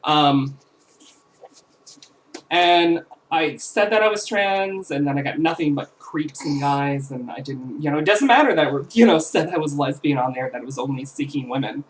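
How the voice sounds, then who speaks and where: Low-voiced woman in her twenties. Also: moderate pace, a little hiss or hum, poor audio. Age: 20s. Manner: chatty, rambling, with fillers and self-corrections. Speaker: vlogger. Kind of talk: casual chat to camera.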